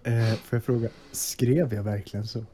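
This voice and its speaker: A man's voice: fairly low pitch, fairly even intonation, mellow. A man hosting a podcast, reading in a pompous, mock-dramatic storyteller tone over a video call. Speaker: podcast host. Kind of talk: mock-dramatic reading, then casual chat.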